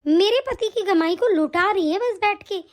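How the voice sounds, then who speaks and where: Cartoon sister-in-law, sharp-tongued and nagging, very high-pitched, voiced by a woman. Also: normal speed. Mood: indignant. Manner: nagging, sarcastic taunts. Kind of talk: animated story voice acting.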